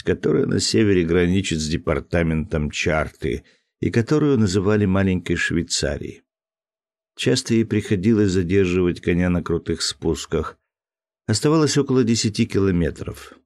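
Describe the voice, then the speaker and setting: A man narrating a classic detective novel audiobook in a measured, even storytelling manner. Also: deep voice. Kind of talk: scripted narration.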